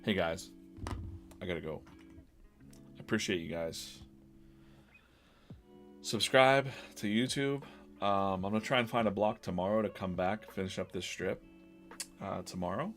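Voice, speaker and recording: Brief: deep, gravelly-voiced man, casual rambling livestream host, faint background music. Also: measured pace, pauses often, fairly bright tone. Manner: rambling, self-interrupting, business-minded. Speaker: comic artist hosting a live drawing stream. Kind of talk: casual live-stream chat while drawing.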